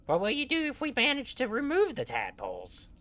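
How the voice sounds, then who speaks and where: Someone putting on a high, chirpy gnome adventurer. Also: wildly swooping pitch, fairly quick, fairly bright tone. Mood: chirpy, inquisitive. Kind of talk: in-character game dialogue.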